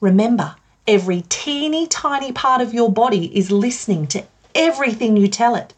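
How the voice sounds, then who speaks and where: Female kids' host, high and very animated, broad singsong theatre delivery, gushing encouragement, music underneath. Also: normal speed. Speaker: children's podcast host. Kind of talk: children's show presenting.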